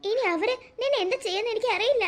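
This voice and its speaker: Worried cartoon mom, anxious and scolding, very high and quick, voiced by a young-sounding performer. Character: worried protective mother of a schoolgirl. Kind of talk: cartoon voice acting.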